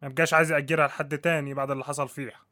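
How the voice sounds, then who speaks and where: Rapid-talking, wary Egyptian doorman. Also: fairly high pitch, flat delivery, bright, forceful tone, no room sound, studio quality. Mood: reluctant, ominous. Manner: deferential, folksy. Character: wary, haggling male Egyptian apartment-building doorman. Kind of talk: radio drama acting.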